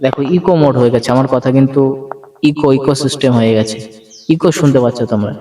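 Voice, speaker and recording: A quick-talking man demonstrates his phone microphone, and his voice comes through its echo mode, ringing with a reverb effect. He talks casually and keeps checking whether his listeners are following. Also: medium pitch, dark tone. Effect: echo mode of the microphone switched on. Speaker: content creator. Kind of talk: casual product tutorial. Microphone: handheld wireless phone microphone.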